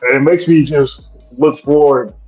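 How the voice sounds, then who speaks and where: A man's voice: on the high side, fairly even intonation, unhurried, a little mellow, slightly rough, dull audio, faint music behind. A man co-hosting a casual livestreamed podcast, laid-back and repeating himself as he talks. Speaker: podcast co-host.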